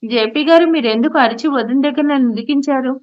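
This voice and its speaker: A woman's voice: high-pitched, quick pace, natural voice. A woman voicing a fussy, silly middle-aged woman in an audio story, speaking in a whiny, flustered way. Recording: slightly muffled audio.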